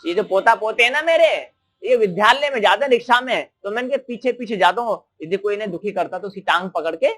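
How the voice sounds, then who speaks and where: A man's voice: sits high, lively intonation, fast, fairly bright tone. A man voicing a male dog, a reborn grandfather, who pleads that he must keep guarding his grandchildren in a spoken religious story. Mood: pleading.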